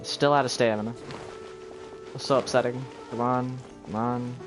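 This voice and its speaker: This streamer's mid-range voice has fairly even intonation and a normal speed as he casually narrates his live gameplay, chatting and muttering to himself. Game music can be heard behind him.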